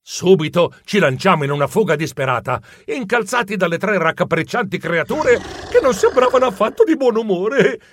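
A man narrating a children's story in an animated, comic and expressive way. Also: high-pitched, moderate pace, hardly any pauses, no echo. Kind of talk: audiobook narration.

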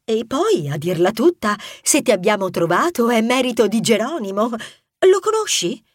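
A woman's voice: a little high, sing-song, normal speed, breathy edge, no echo, clean studio sound. A woman voicing a sassy, bold female mouse adventurer in an audiobook, teasing and bossy in a playful way. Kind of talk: audiobook character voice.

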